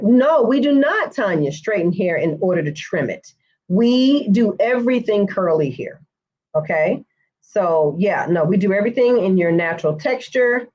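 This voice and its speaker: Woman hair stylist, casual live Q&A host, friendly and chatty, mid-pitch, muffled stream audio. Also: a little mellow. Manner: chatty, addresses viewers by name, says y'all. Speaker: hair stylist teaching a live online course. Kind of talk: live-stream Q&A answering comments.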